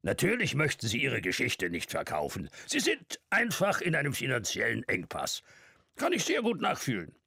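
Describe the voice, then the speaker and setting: A man doing a booming, jovial old man. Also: wildly swooping pitch, normal speed, creaky, slightly rough, no echo, clean studio sound, full character voice. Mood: teasing. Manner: booming, jovial, shouting over noise. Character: hearty, very old portly man, bursting with energy.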